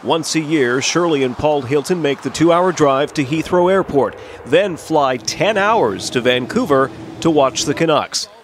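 A man's voice: on the high side, expressive, a little slow, slight background noise. A man narrating a scripted television news feature as a reporter.

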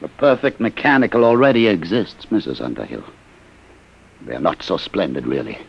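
Very deep, gravelly old inventor. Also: male voice, animated, moderate pace, heavily acted, low-quality recording. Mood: courteous, weary. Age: older. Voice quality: gravelly, husky. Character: courteous, weary old refugee inventor from another planet. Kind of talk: old-time radio science fiction drama acting.

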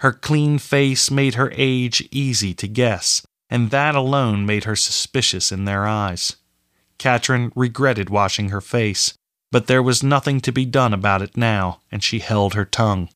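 Slow, measured male narrator. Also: mid-range voice, fairly bright tone, no echo, clean studio sound. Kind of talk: scripted fantasy audiobook narration.

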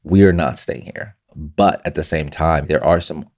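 A man with an extremely deep, low voice speaks as a podcast guest. Born in Zimbabwe, he works as a content creator and tells his own story in an earnest, reflective way. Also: moderate pace, a little mellow. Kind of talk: personal storytelling in a podcast interview.

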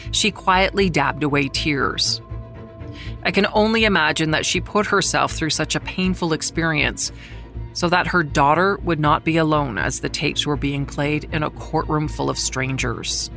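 Somber, gravelly true-crime narrator. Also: mid-range voice, bright, forceful tone, faint music behind. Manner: measured and somber, slowing on grave details. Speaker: journalist who covered the trial, narrating.

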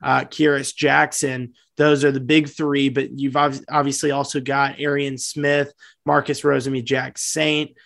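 A man co-hosting a sports podcast, talking football in a casual, halting way with many fillers and restarts. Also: mid-range voice, little pitch movement, gravelly, a bit bright, no echo, clean studio sound.

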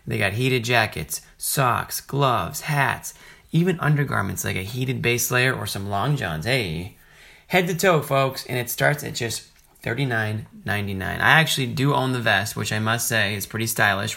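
A man's voice: mid-range voice, lively intonation, normal speed, creaky, pushed and bright. A man delivering a conversational, scripted sponsor read straight to listeners. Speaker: sponsor ad reader.

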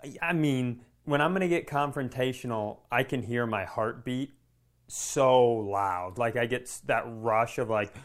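This man hosts a comedy podcast, his medium-pitched voice a little slow. He tells a casual, lively story, swearing freely and voicing the dialogue as he goes.

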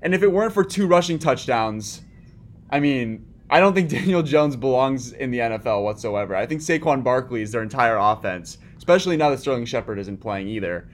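This co-host has a medium-pitched voice with lively intonation and a slightly fast pace. He guides the segments of a relaxed sports podcast, peppering his talk with fillers and restarts.

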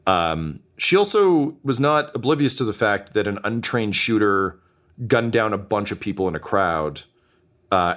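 A man narrating a tabletop game as game master, relaxed and full of fillers. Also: lowish voice.

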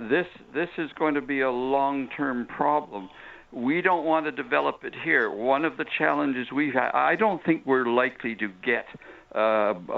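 A man speaking as a guest on a radio panel, in a deliberate way with frequent hesitations. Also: mid-range voice, vocal fry. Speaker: guest commentator. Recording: tinny phone line.

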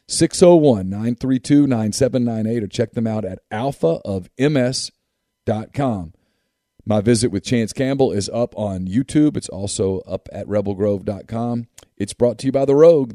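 A man's voice: on the low side, warm tone, no echo, studio quality. A man, hosting a sports podcast with sponsor reads and casual talk.

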